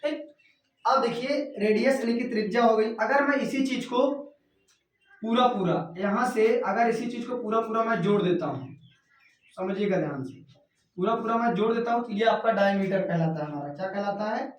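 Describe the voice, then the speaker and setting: A man's voice: high voice, moderate pace. A male teacher giving a math lesson at a whiteboard. He keeps repeating each term as a question and then answers it himself. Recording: echoey room, voice from far off.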